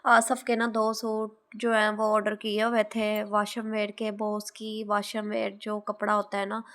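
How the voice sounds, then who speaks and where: A woman's voice: medium pitch, completely flat delivery, a little slow, fairly bright tone. A woman in her thirties with a Pakistani Urdu accent, chatting through a casual vlog voice-over about her day, homely and rambling. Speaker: vlogger, housewife.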